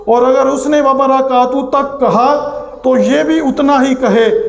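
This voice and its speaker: A man giving a religious lesson, slowly drawing out words to drill their correct pronunciation. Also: extremely high pitch, roomy sound. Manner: slow, drawn-out pronunciation drills. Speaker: religious teacher.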